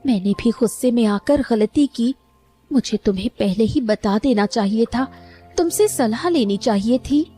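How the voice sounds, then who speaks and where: A woman voicing a loving, determined young daughter in an animated story, with a soft, earnest voice. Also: a little high, a little slow, faint music behind. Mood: tender. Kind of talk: Hindi cartoon voice acting.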